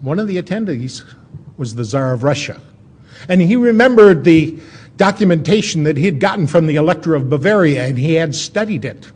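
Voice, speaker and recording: A man giving an informal history lecture as a storyteller, in a folksy, conversational way with dramatic pauses. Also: fairly high pitch, animated, darkish tone, slightly rough.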